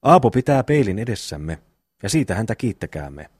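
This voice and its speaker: A man's voice: lowish voice, very animated, darkish tone, slightly rough, no room sound. Casting: male reader voicing a sanctimonious pious farm brother, preachy, dry close sound. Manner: preachy, sighing.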